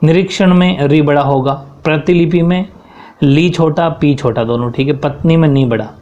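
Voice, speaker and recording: A man's voice: on the high side, normal speed, darkish tone, dull audio. A man teaching a grammar lesson, explaining corrections one by one and often checking in with his students.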